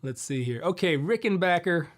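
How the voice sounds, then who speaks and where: Casual middle-aged male streamer, somewhat higher voice, rambling and easygoing, close desk mic. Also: moderate pace. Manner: relaxed, rambling, answers viewer questions with fillers. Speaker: host of a live guitar Q&A stream. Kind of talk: casual live-stream chat.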